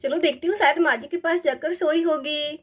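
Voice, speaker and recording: A woman's voice: high voice, steady tone, fairly quick, lightly acted. A woman doing a worried young mother. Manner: anxious, pleading. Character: worried young mother searching for her daughter. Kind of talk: doll story voice acting.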